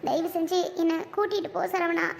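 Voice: very high voice, steady tone, brisk, vocal fry. A performer playing a frightened, tearful young woman who pleads to be taken away in a skit. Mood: scared pleading. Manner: pleading, fearful.

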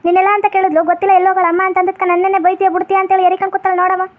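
A woman's voice: very high-pitched, completely flat delivery, very fast. A woman voicing a teenage granddaughter in college who complains and tattles, in a comedy skit. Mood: complaining. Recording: tinny phone-like sound.

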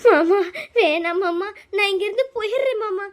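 A woman's voice: very high voice, a little fast. A woman voicing a frightened, pregnant young daughter-in-law in a cartoon, pleading and tearful. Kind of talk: cartoon voice acting.

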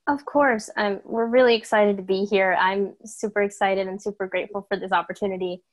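A young woman from Massachusetts, USA, appearing as a guest performer, introduces herself casually over a laptop video call. Her mid-range voice is brisk, upbeat and energetic, and she chats along with plenty of fillers.

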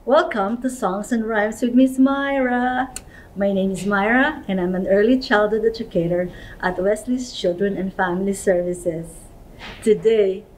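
Female preschool educator, talking to toddlers: unhurried, encouraging, sing-song delivery, slightly distant mic with faint background noise. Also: medium pitch. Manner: simple questions to young children, encouraging, sing-song. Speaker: early childhood educator, children's show host. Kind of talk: children's lesson, talking as if to a toddler. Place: indoor playroom-style studio, seated.

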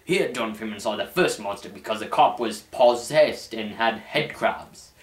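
A young man with a lowish voice reads a story aloud at a measured pace, hosting in a mock-formal, theatrical storyteller's style. The scripted, mock-dramatic narration is recorded in a small room at home, a little way from the mic, with roomy camera sound.

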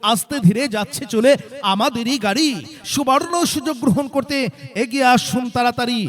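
The announcer, a Bangladeshi-accented man with a very high, slightly bright voice, talks a little fast as he pushes a hard-sell ad from a promotional vehicle. Like a street promoter, he keeps repeating the deal and insisting listeners rush to purchase.

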